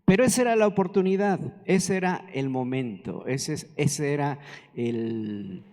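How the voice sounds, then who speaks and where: A man's voice: on the high side, expressive, a little slow, warm tone. A man, preaching a conversational sermon and asking the congregation questions. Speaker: pastor. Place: church hall. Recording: reverberant church hall.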